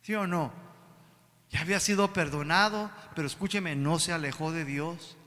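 A man delivers an emphatic sermon, calling again and again to his brothers. His voice sits high and has a sharp, forceful edge. It rings out with a long reverb, as in a large hall. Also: moderate pace. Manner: emphatic, keeps addressing the congregation as brothers. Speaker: preacher.

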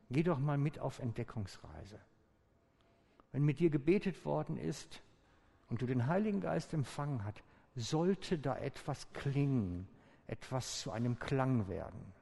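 Deliberate pauses and slowdowns mark this calm, inviting sermon from a male pastor. His mid-range voice is gravelly and mellow, ringing out with long reverb in a large church hall.

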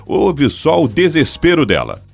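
A man hosting a radio segment, introducing topics and guests in a brisk announcer manner. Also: a little high, creaky, faint music behind. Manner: lively, brisk announcer delivery. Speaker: radio host. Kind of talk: radio news presenting.

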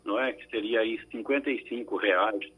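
Husky-voiced man explaining legal advice. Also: fairly low pitch, a bit bright, poor audio. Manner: measured, explanatory, frequent tag questions. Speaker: lawyer answering listener questions. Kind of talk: radio call-in advice. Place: radio studio.

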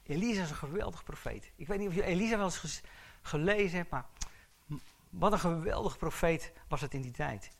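A man's voice: a little high, animated, a little fast, creaky. A male pastor delivering a sermon, asking the congregation questions and building to urgent, emphatic exhortation.

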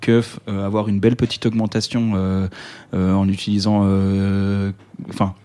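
A man from France with a lowish, dark and mellow voice, co-hosting a casual talk radio show. He talks in loose, halting phrases, full of fillers and restarts. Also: little pitch movement, clean tone. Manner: hesitant, many fillers and restarts. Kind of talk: casual political discussion.

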